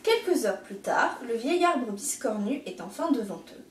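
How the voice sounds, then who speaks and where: A woman teacher reading a picture book aloud in an expressive, gentle storytelling manner, in an echoey room. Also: a little high, normal speed, recorded from a distance, slight background noise.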